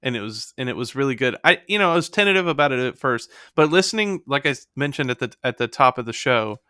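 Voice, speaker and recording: A man's voice: mid-range voice, lively intonation, fast, sharp tone, clear, resonant tone, dry recording, clean studio sound. A young man co-hosting a podcast, chatting casually and enthusiastically, rambling with lots of "like". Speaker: podcast co-host.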